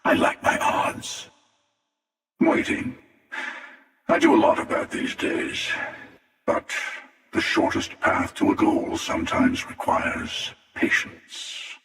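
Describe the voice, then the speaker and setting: A man voicing a smug, menacing, world-weary hunter from a video game, with a breathy rasp and sardonic, deliberate delivery. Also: high voice, a bit bright, exaggerated voice. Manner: sardonic, deliberate, drawling taunts. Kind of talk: video game character voice acting. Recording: echoing, long reverb, distant.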